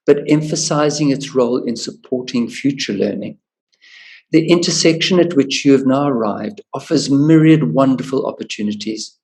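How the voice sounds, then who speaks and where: A man's voice: mid-range voice, darkish tone, poor audio. Man giving a formal podium speech. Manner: formal, measured oratory. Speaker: school principal.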